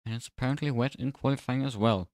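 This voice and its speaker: A man speaking with braces that make his S sounds slightly off, chatting casually and commentating on a livestream in a low-key, dryly sarcastic way. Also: fast talker, darkish tone, no room sound, clean studio sound. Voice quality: slightly slurred, odd S sounds from new braces. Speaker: livestreamer and sim racing commentator.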